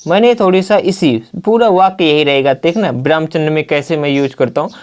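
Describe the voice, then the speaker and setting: A man's voice: on the high side, a little mellow, smooth. A man teaching a grammar lesson at a blackboard. He often poses a key word as a question and then answers it himself. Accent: Hindi. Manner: slow and deliberate, spelling out examples.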